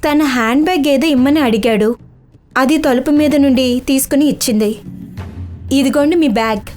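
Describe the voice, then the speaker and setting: A woman's voice: sits high, a little fast, darkish tone, faint music behind, natural voice. A woman dubbing a witness who earnestly explains things to the police. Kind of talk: dubbed TV crime drama.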